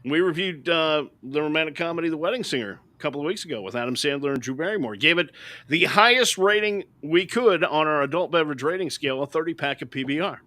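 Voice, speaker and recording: A fast talker with a fairly high, pushed and bright voice and lively intonation, this middle-aged man co-hosts a podcast. He gives emphatic, ranting, opinionated movie reviews, often asking "right?".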